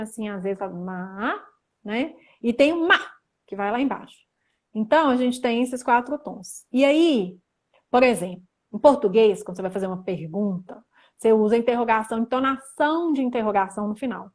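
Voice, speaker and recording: A woman's voice: a little high, fairly quick, a little mellow. A young woman from Brazil hosting a casual livestream lesson, chatting and reading viewer comments aloud. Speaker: livestream host teaching Mandarin.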